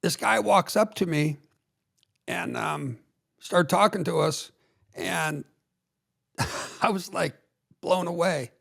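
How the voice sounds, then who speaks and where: A man hosting a podcast, telling a story in a relaxed, loose way with fillers. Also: high-pitched, takes it slowly, gravelly, pauses often. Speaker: podcast host. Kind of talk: casual chat.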